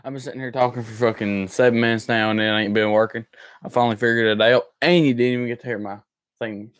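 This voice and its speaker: A man's voice: mid-range voice, fairly even intonation, quick pace. A man with a Southern American accent talks casually to a livestream in a mid-range voice. His delivery is crude and folksy, full of cussing and slang, and the sound is very dry with no room echo.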